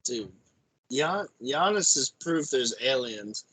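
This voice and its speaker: A man's voice: mid-range voice, lively intonation, takes it slowly, pushed and bright, husky, rough recording. A man co-hosting a podcast, joking around and swearing as he trash-talks in casual chat. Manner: joking, profane trash talk. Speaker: podcast co-host.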